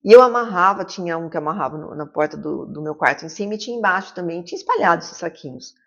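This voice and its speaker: A woman in her fifties talks quickly in a fairly low voice as a psychiatrist guest. She tells stories with animation and acts out the lines she quotes. The recording sounds dull and lo-fi. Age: 50s. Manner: lively storyteller who acts out quoted dialogue. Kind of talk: casual interview conversation. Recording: muffled lo-fi recording.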